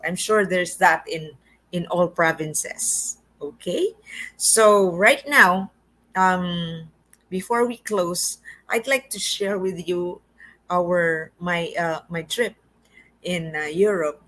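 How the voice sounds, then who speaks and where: Filipino-accented woman host, unhurried, halting delivery full of fillers. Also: on the low side, rough recording. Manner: chatty, halting, many fillers and restarts. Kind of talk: casual show-and-tell vlog.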